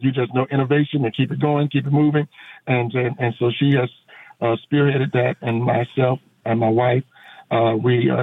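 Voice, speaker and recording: A middle-aged pastor and veteran talks earnestly in a phone-in radio interview, full of fillers and restarts. His mid-range voice comes through a tinny phone line with no room sound.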